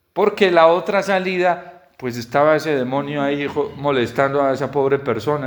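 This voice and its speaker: Man preaching a homily. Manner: builds to loud high-pitched exhortations; storytelling with lively quoted dialogue.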